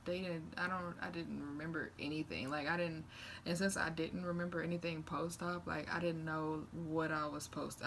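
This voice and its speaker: A young woman vlogging in a casual, candid, rambling chat to camera. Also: lowish voice. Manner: candid, rambling, animated retelling with acted-out quotes. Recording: noticeable background noise.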